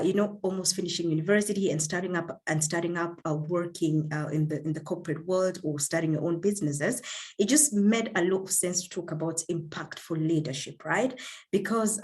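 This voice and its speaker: A woman from Kenya with a low voice speaks to young leaders over a video call. She is earnest and warm, and she often restarts her sentences and fills gaps with "um". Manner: warm and earnest, with frequent fillers and repeated words. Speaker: guest speaker. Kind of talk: online leadership talk.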